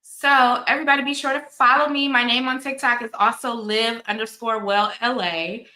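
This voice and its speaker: A woman's voice: on the high side, steady tone, moderate pace, bright, forceful tone, reverberant, rough recording. A woman in her forties hosting her own channel, chatting candidly and telling stories with many asides. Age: 40s. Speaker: channel host. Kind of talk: casual commentary chat.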